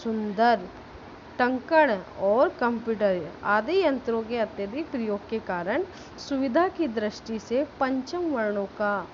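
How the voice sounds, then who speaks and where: A woman school teacher explaining a grammar lesson step by step, stressing example words slowly and checking that students follow. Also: fairly high pitch, lively intonation, dull audio, slight background noise. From India.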